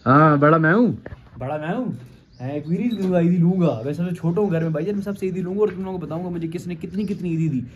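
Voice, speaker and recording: A young man chats casually to his camera, teasing the people around him and laughing a lot. His voice sits a little high. Faint outdoor ambience can be heard behind him. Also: rapid-fire, few pauses, lo-fi sound, a little hiss or hum. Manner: playful, teasing, laughs often. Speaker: vlogger. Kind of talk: casual vlog chat.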